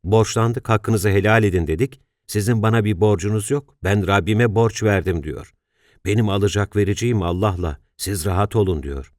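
Man reading older father, worried, earnest, sighing, very low voice, dry sound. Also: normal speed, no echo, natural voice. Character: worried older father, retired civil servant.

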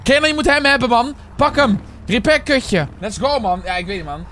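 Brief: twenties Dutch streamer, animated and high-pitched, casual slang and swearing. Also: male voice, normal speed, a little hiss or hum. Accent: Netherlands Dutch. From Netherlands. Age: 20s. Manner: chatty, slangy, swears often, talks to viewers. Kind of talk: casual game roleplay commentary.

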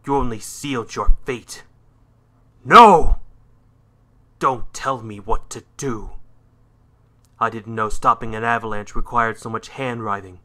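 Casting: male actor for edgy cartoon hedgehog antihero, forceful and fairly low, curt, proud, menacing. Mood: scornful, then dry, aloof. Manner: curt, scornful, deliberate delivery. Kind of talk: fan character voice reel, dramatic cartoon acting.

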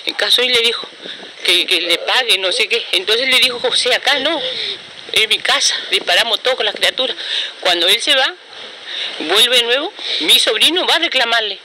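Interviewed on the street in an outdoor courtyard by a building, the victim's aunt, a middle-aged woman with an Argentine accent, gives her testimony. Her account is urgent and repetitive with many restarts, in a voice on the high side that is pushed and bright, at normal speed. The news footage is noisy.

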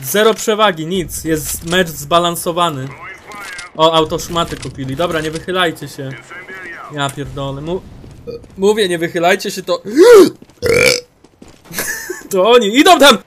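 A man giving excitable live commentary on his own shooter match, shouting callouts, swearing and mocking his teammates. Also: on the high side, normal speed, slight background noise.

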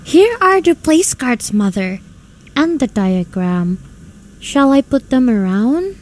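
An actress playing a timid, reluctant young daughter in a radio drama, hesitant and protesting. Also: female voice, high voice, sing-song, slow pace, a little mellow, slight background noise, full character voice. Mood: meek.

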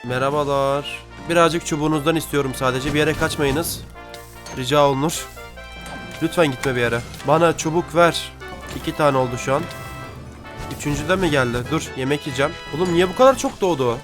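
A man's voice: fairly high pitch, fairly quick. A young man giving casual, slangy let's-play commentary, talking back to the creatures in the game as he plays. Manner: chatty, talks to the game mobs, slangy. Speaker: gaming YouTuber. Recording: music faint behind voice.

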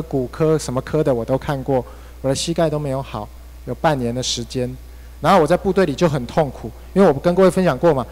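A male pastor with a Taiwanese Mandarin accent preaching a sermon, telling a personal story with emotional swings. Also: on the high side. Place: church hall. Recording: long church hall reverb.

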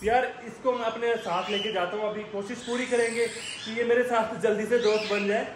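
A man chatting excitedly on his pet vlog, coaxing and doting on a new animal in a playful voice. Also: high-pitched, brisk, noisy background. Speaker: pet vlogger. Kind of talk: casual vlog chat.

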